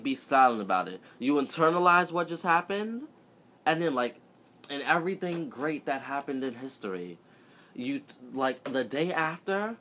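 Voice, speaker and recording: A young man telling a story casually and profanely, swinging between loud outbursts and flat, muttered asides. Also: fairly high pitch, slight background noise.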